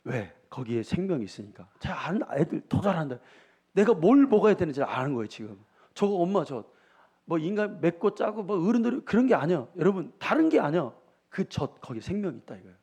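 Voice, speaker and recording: A middle-aged pastor with a lilt delivers a sermon in a slightly high voice. He tells homely stories and keeps turning to the congregation with questions. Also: very animated, fairly quick, a little mellow, husky. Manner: folksy storytelling, asks the congregation questions.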